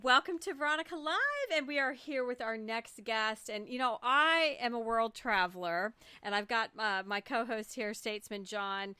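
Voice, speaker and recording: A woman's voice: on the high side, moderate pace, hardly any pauses, sharp tone, clean tone, dry recording. A woman hosting a talk show, chatty and enthusiastic as she interviews her guest. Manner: enthusiastic, chatty, laughs often. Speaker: show host.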